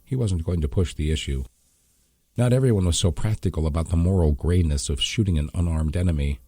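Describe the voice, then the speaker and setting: A man reading a war novel as an audiobook narrator in a steady, grave way. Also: low-pitched, fairly quick, husky, no echo, studio quality. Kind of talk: scripted narration.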